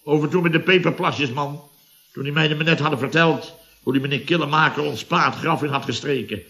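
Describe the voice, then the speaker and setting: In the style of 1970s Dutch radio comedy, a male actor plays a blustering middle-aged builder boss who grumbles sarcastically and sounds exasperated. His voice leans high, with a brisk pace and a sharp tone.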